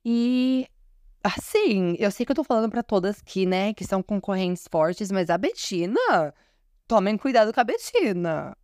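A woman's voice: mid-range voice, big pitch swings, unhurried, a little mellow, dry recording, studio quality. A woman podcast host with a Brazilian Portuguese accent, chatting in an effusive, gushing fan recap full of fillers. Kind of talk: casual fan recap commentary.

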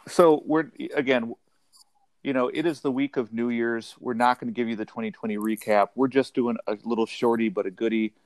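A man's voice: mid-range voice, fairly even intonation, a little fast, no room sound. Joking podcast co-host man, dry sound. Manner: joking, laughs between lines. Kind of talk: casual chat.

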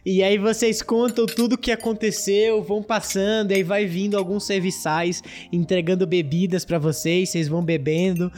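A man's voice: high voice, steady tone, moderate pace, few pauses, a little mellow. A man narrating a tabletop role-playing game as game master, describing scenes with frequent laughs.

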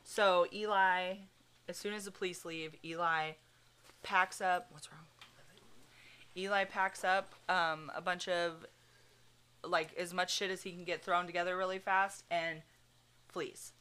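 Woman podcast host, casual true crime storytelling, lower pitch, crisp bright voice, chatty, swears. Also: fairly even intonation, measured pace, pauses often. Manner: chatty, many fillers like "like", swears freely.

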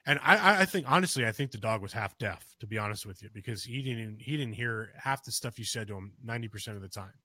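Speaking quickly with lively intonation and barely any pauses, a man whose voice is on the low side tells a personal story as a podcast co-host. He rambles casually with many restarts, fillers and "you know," getting louder and more urgent as it builds; there is no room sound.

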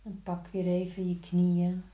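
Woman, yoga instructor, soft hushed soothing guidance, lowish pitch, slow unhurried pace, long pauses. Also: completely flat delivery. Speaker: yin yoga teacher. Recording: roomy, echoing sound.

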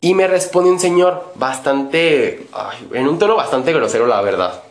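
A man's voice: a little high, animated, measured pace, reverberant. A young man with a Mexican Spanish accent tells a story casually, rambling with many fillers and self-corrections.

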